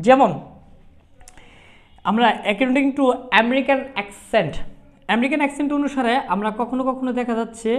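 A woman teaching an English pronunciation lesson, who spells words letter by letter and repeats each example word slowly. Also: on the high side.

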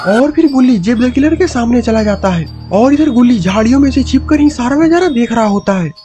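A man's voice: extremely high pitch, expressive, brisk, over loud music. A man narrating a cartoon horror story in a dramatic, suspenseful storytelling manner.

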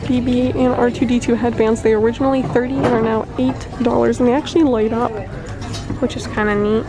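A brisk, level-toned young woman with a voice on the high side vlogs her trip through an indoor outlet store on a handheld phone camera. She gushes over items and reads prices in a casual walkthrough, while background music plays on a low-quality recording.

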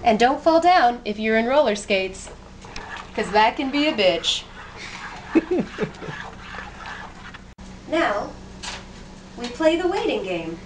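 A young woman, slightly high-voiced, speaks slowly with long pauses and big pitch swings. Moving around her small home kitchen, she gives a jokey, self-mocking, chatty cooking demo as playful how-to narration. The handheld camera's mic moves with her, and the audio is noisy.

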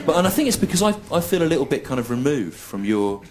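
A middle-aged man performing a stand-up comedy routine on a stage in front of a live audience, with dry, deadpan and repetitive phrasing. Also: a little high, fast. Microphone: stage microphone. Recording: live show recording with audible noise. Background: audience laughter.

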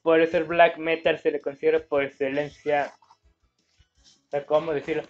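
Man, Mexican Spanish accent, gameplay commentary, rambling, slightly high voice, dull phone recording. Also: little pitch movement, moderate pace, soft background music. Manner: rambling, searches for words, reads game words aloud.

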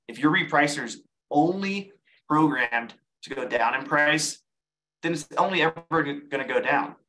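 A man hosts a live online selling webinar, explaining things casually, repeating words and often restarting phrases while taking viewer questions. His mid-range voice has a sharp tone, and the recording is rough.

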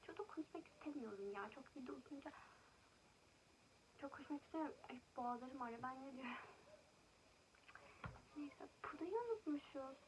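A young woman vlogger chatting casually while doing her makeup, venting indignantly and often dropping into soft whispers. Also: sits high, animated, normal speed, long pauses, noisy background. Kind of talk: casual makeup vlog chat.

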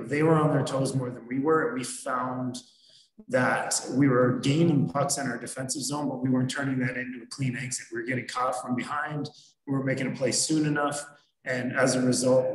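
A middle-aged hockey head coach answers postgame press conference questions over a video call webcam, the sound roomy and echoey. His steady mid-pitched voice stays measured and analytical, methodical but with frequent fillers.

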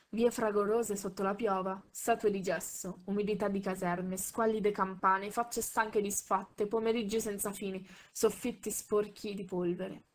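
Una donna che legge un romanzo ad alta voce con tono misurato, correggendo ogni tanto qualche piccolo inciampo. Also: female voice, medium pitch, darkish tone. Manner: measured, with small slips and self-corrections. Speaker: audiobook reader. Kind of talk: reading a novel aloud.

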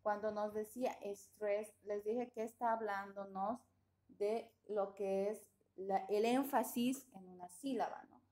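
A woman's voice: medium pitch, fairly even intonation, unhurried, mellow. A woman teaching an English grammar class, explaining patiently and often checking that students follow.

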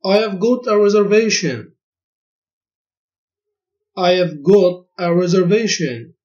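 A man teaching a language lesson, saying each short phrase twice in a clear, deliberate drill. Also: high voice, darkish tone. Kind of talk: slow repeated phrase drill. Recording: dull lo-fi recording.

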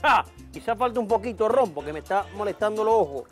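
A man plays a boastful, tipsy TV cook with a Venezuelan Spanish accent in a comedy sketch, swaggering, swearing constantly, bragging about his garden, and letting out rowdy exclamations. His high-pitched voice is quick and lively, with faint music behind it.

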